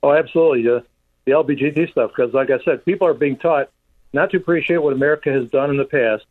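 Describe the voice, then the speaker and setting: A man calling in to a radio show on a speakerphone from his office, ranting in a rapid, heated way. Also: medium pitch. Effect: calling in on a speakerphone over a phone line. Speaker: radio call-in caller. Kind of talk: call-in talk radio. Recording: tinny speakerphone line.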